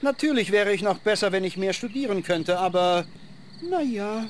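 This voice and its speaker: A man's voice: high-pitched, animated, moderate pace, slight background noise. A man voicing the clever, prissy, scholarly head of a two-headed giant ogre in a video game, speaking in a pompous, fussy, lecturing way. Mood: smug. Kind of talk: fantasy video game acting.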